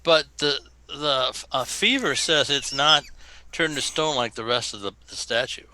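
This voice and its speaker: A man acting as game master, narrating a tabletop game off the cuff in a halting, colloquial way. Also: mid-range voice, pushed and bright, slight background noise, low-quality recording.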